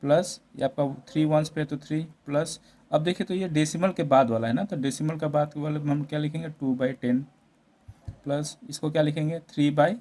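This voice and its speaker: Somewhat high and mellow, a man's voice explains a maths lesson one step at a time, as in a classroom. His Hindi is laced with English number words, and he often checks in with tag questions.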